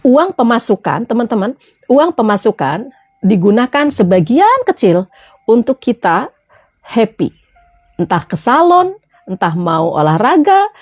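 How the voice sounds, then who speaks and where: High-voiced chatty woman trainer laughing. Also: a little mellow. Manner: chatty, laughs often, answers viewer comments. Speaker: motivational trainer. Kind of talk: casual motivational talk to followers.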